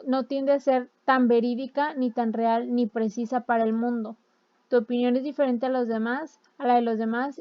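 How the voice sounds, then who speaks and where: Woman, teacher explaining a lesson, conversational with fillers, slightly high voice, dull lo-fi recording. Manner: conversational, with many fillers and restarts.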